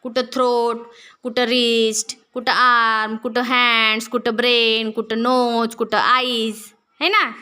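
A woman teaching a class, who explains each word slowly and drills the students with questions. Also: on the high side, little pitch movement, pushed and bright, smooth. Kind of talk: classroom lesson.

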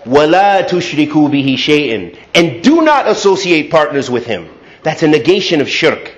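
A man with an American accent delivering a mosque sermon, switching from fast chanted Arabic openings to slow, measured English. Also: on the high side, animated, lo-fi sound. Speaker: imam giving a Friday sermon. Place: mosque prayer hall.

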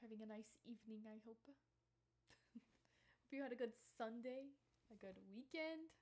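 A young woman streaming a game, chatting softly and giggling often, with a slight sore throat and a little cough. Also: on the high side, measured pace. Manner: soft-spoken and giggly. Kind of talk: casual gaming stream chat.

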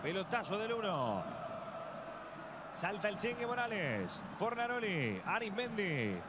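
High-pitched Uruguayan man, breakneck goal commentary. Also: big pitch swings. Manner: exclamatory, drawn-out goal cries, colourful catchphrases. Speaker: football play-by-play commentator. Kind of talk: breakneck goal commentary, excited live football call. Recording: loud stadium noise behind the voice. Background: football stadium ambience.

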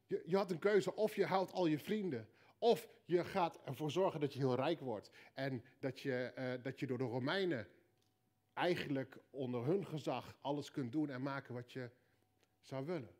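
A man with a Dutch accent preaching a sermon, telling a story with punchy repeated lines and quiet joking asides. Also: medium pitch, moderate pace. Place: church hall.

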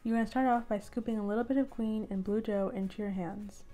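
A woman's voice: mid-range voice, fairly even intonation, fast talker, dark tone, soft background music. A young woman hosting her own cooking channel, talking viewers through an easy recipe step by step in an upbeat, chatty way. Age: young adult. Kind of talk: friendly recipe tutorial. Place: indoor room at home.

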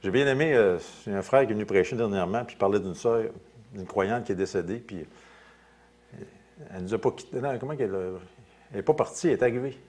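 A male pastor with a Quebec French accent preaching a sermon, reading scripture aloud and commenting in quieter, casual asides. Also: on the low side, fast. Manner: lively preaching, rising loud on scripture then dropping to quiet asides.

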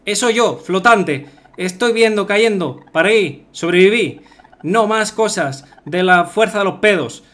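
A man's voice: high voice, animated, a little slow, a bit bright. A man streaming a game live, translating its text on the fly in a loose, rambling way full of fillers. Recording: music playing behind.

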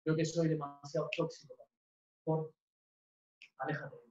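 A man's voice: on the high side, little pitch movement, a little slow, darkish tone, pitched below the performer's own voice, close to an everyday voice. Give me a woman playing a moody young boyfriend who brushes her off, heard from afar with a dull sound. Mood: sulky. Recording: echoey room, distant dull mic.

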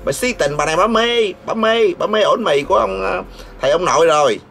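A man's voice: high-pitched, expressive, brisk, creaky, fairly bright tone, faint music behind. Scolding vlogger man. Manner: sarcastic, scolding, laughs mid-sentence. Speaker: vlogger host. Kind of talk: mocking commentary rant.

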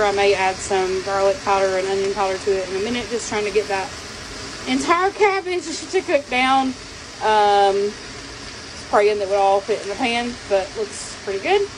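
A woman's voice: fairly high pitch, noisy background. Chatty woman filming her camper kitchen. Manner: chatty, explains step by step, filler ums. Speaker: vlogger. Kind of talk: casual cook-along chat. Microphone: phone held while filming.

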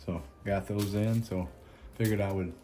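A man with a Southern accent, hosting a casual unboxing chat in an unhurried, halting way with many ums and restarts. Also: lowish voice, fairly even intonation, dark tone, soft background music. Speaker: cigar channel host.

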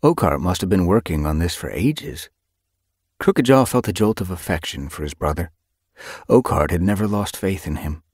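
A man narrating an audiobook with expressive, animated storytelling. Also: low voice, normal speed, husky, no echo, clean studio sound.

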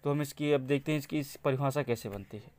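A man from India teaching an exam-prep lesson, talking slowly and repeating key words as he writes them out. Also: mid-range voice, darkish tone. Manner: slow, repeats key words while writing.

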